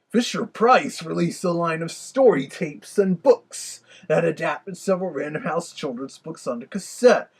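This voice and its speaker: A man voicing a cartoon Big Bad Wolf with a gravelly, raspy voice, giving a wry, theatrical review commentary. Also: on the high side, full character voice.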